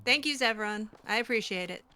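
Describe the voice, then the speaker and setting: A woman plays a role-play video game in character, musing aloud to herself hesitantly as in-character playthrough commentary. Her voice is a little high, bright and forceful, and she speaks fairly quickly.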